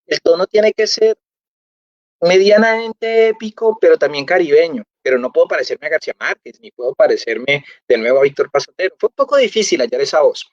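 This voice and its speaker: A man talks through his ideas slowly and reflectively, pausing on fillers as he hunts for the right word. His voice sits fairly high for a man. The audio is dry and a little dull, as if from a lo-fi online call. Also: animated, no echo. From Colombia. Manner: thoughtful, searching for words with frequent fillers. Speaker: novelist guest. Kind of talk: reflective festival interview.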